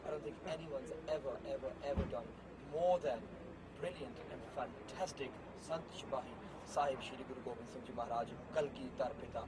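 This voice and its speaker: A man's voice: medium pitch, fairly quick. A man interviewing in a devotional style, emphatic and repetitive, using reverent honorifics. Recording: noisy outdoor recording with traffic.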